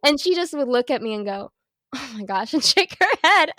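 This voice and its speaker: A woman guest in a casual podcast chat, candid and quick to laugh, acting out what others said. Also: high voice, no room sound, clean studio sound. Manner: candid, laughs often, animated quoting of others. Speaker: podcast guest, business owner. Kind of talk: casual conversational interview.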